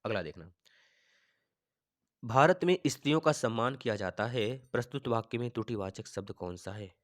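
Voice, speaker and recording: A male teacher with a north Indian accent, recorded close with a dry sound, works through grammar questions. His voice sits at an ordinary middle pitch. He repeats each sentence slowly and keeps asking his viewers what they think. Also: expressive, no echo. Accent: Hindi-speaking north Indian. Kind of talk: exam-prep grammar lesson.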